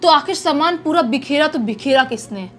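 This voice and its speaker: High-voiced woman telling a ghost story. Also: expressive, normal speed, fairly bright tone, slight background noise. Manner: chatty, repeats words for effect. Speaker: horror storyteller. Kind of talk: casual spoken storytelling.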